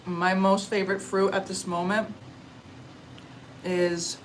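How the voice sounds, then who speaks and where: A young woman from Canada chatting casually on a livestream while eating, answering comments in a relaxed, chatty way with little murmurs of enjoyment. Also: mid-range voice, slow, a little hiss or hum, low-quality recording. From Canada (Ontario). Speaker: livestream vlogger. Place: outdoors or open space in a warm country.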